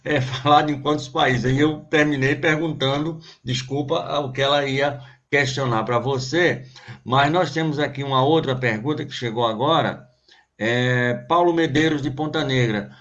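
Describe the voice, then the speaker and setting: A man's voice: mid-range voice, normal speed, a bit bright. Man, Brazilian accent, radio host, hesitant, slightly dull audio. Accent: Brazilian Portuguese. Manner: hesitant, many fillers and apologies. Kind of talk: reading listener questions.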